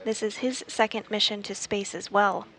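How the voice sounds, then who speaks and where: A woman's voice: medium pitch, steady tone, moderate pace, a bit bright. A woman commentating live on an event as a broadcast presenter.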